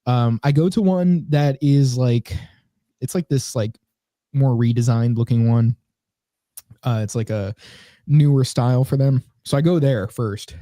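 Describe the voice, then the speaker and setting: A man hosts a comedy podcast in a mellow, dark-toned voice, winding through a story. He restarts his sentences and laughs at himself as he goes, and the sound is dry and close. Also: medium pitch, measured pace, no echo. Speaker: podcast host.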